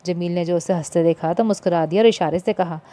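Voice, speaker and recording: Woman reading a novel aloud, mellow. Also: fast. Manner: shifts into higher, livelier voices for characters' dialogue. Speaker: audiobook narrator.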